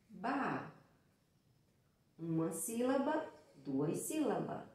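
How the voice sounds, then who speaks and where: A woman with a Brazilian Portuguese accent teaching a children's lesson, counting out syllables slowly in a sing-song way. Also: on the high side. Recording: very echoey room, from far off the mic.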